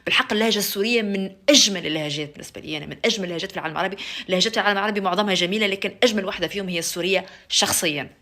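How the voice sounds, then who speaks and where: A woman's voice: mid-range voice, very fast, few pauses, pushed and bright. A young woman with a Tunisian accent, chatting playfully to camera and slipping in English phrases. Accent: Tunisian Arabic. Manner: playful, switches to English phrases, mimics other dialects. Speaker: vlogger. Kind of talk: casual talk to camera, ranking dialects.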